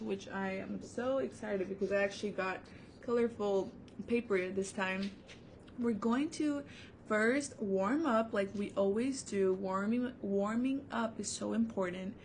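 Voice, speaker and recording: A young adult woman leads a children's music lesson from home, upbeat and encouraging. She talks at a middling pitch, easygoing, with plenty of "uh"s and "so"s. A faint low rumble sits behind her voice on the camera mic. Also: measured pace. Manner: upbeat, encouraging, many fillers. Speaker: music teacher. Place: seated at home before her own camera.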